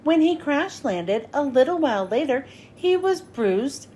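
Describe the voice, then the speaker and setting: A woman hosts a read-aloud of a children's storybook, narrating with an expressive and clearly phrased delivery. Her voice is high and her pace measured, and there is a little hiss or hum in the audio.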